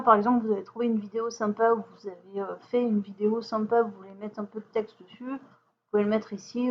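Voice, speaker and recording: Woman, mid-pitch, chatty tutorial host, slightly dull recording with faint hiss. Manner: chatty, many fillers and restarts. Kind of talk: screen-share software walkthrough.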